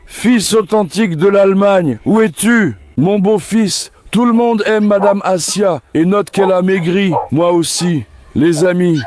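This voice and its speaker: A man who breeds dogs chats casually on a vlog as he feeds them at an outdoor kennel farm, calling each by name with affectionate coaxing. His voice sits high with a darkish tone, over slight background noise.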